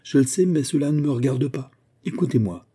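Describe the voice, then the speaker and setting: A man reading a storybook voices a suave, ironic gentleman thief who is coolly polite and menacing. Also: medium pitch, lively intonation, brisk, slightly rough, voice pushed up. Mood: ironic menace.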